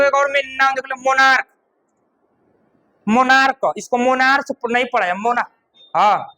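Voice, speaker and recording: A male teacher explains a grammar rule in small steps. His voice is high and bright. He repeats key words and keeps asking if the class has understood. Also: rough recording.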